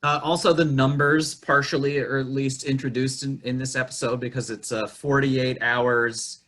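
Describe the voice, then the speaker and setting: Male podcast host, bright tone, loose rambling delivery with swearing, remote call audio. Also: mid-range voice, flat delivery, normal speed. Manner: rambling, crude, with many fillers. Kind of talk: casual chat. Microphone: remote call recording.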